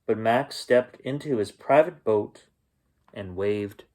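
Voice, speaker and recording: A man with a fairly low voice reads a children's picture book aloud as a bedtime story reader and host. He tells it expressively and unhurriedly, adding gentle asides to his listeners.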